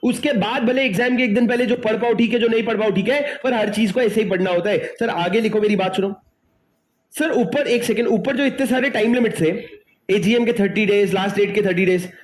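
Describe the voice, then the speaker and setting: A male teacher giving an exam-prep lecture, mixing Hindi and English, who keeps quizzing his students and then answering himself. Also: sits high.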